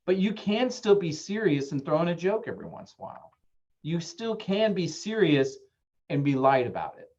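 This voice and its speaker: A man's voice: on the high side, animated, moderate pace, darkish tone. Chatty man therapist, lo-fi audio. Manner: conversational, acts out quoted voices, frequent fillers. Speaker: therapist giving a presentation. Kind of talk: casual talk-style presentation.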